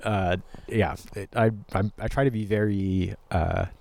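A man's voice: on the low side, fairly even intonation, a little slow, creaky, a little mellow. A man, a musician guest, giving thoughtful, meandering answers in an interview conversation. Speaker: musician guest, artist in residence.

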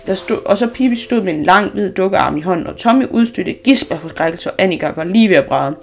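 A woman reading a children's story aloud, unhurried, with small restarts. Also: mid-range voice, expressive, vocal fry, soft background music.

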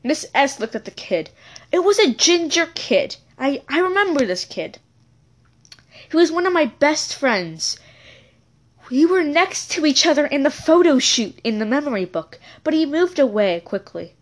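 A woman's voice: high voice, sing-song, a little slow. A woman telling a childhood story in a casual, rambling episode, correcting herself and adding chatty asides.

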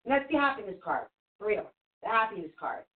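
Medium in pitch with big pitch swings, this fast-talking woman hosts a live call-in psychic reading show as a spirit reader. Portuguese is her first language, and she comforts callers in a chatty way, repeating herself for emphasis, over phone-like, narrow sound.

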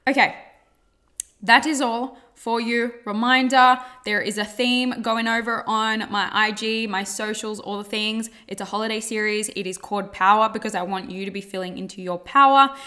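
A woman's voice: fairly high pitch, steady tone, moderate pace, sharp tone. A woman hosting a casual motivational podcast, speaking informally and emphatically with repeated phrases and casual swearing, and pronouncing her R's like W's. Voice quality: cannot pronounce R's properly, r sounding like w. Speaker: podcast host and coach.

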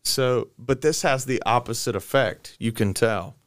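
A man co-hosting a podcast, retelling scripture with casual slang and quick paraphrases of what the characters say. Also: medium pitch, dry recording. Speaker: podcast co-host. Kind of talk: casual Bible study discussion.

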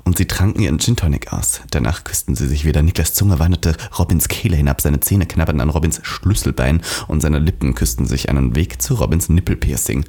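Man, very deep voice, husky, reading a story aloud, wry asides. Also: a little fast, few pauses, dark tone.

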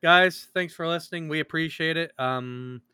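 Podcast co-host, male, bright and crisp, profane rambling banter, dry sound. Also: fairly high pitch, moderate pace, no room sound. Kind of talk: casual crude banter.

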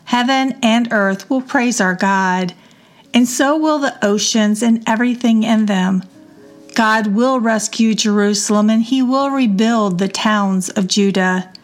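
A woman reading psalms aloud in a measured devotional reading. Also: fairly high pitch. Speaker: scripture reader.

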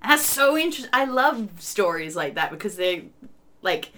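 A woman's voice: medium pitch, very animated, normal speed, sharp tone. A woman co-hosting a podcast in casual chat, enthusiastic and giggly, laughing often. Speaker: podcast co-host.

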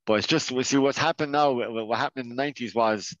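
A man's voice: medium pitch, fast talker, a bit bright, no echo. Earnest Irish man, dull dry audio. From Ireland. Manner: earnest, many restarts and fillers. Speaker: podcast guest. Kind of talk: casual conversation.

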